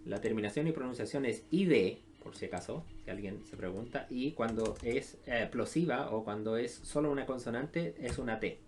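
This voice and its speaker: A man's voice: medium pitch, normal speed, few pauses, darkish tone. A man, teaching an English lesson in a recorded online class. He explains step by step, with many filler sounds, and often checks in with his students.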